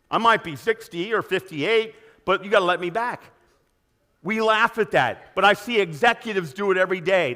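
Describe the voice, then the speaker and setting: A man in his sixties giving an energetic motivational keynote in a large conference hall, asking the audience questions. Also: high voice. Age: 60s. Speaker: keynote speaker.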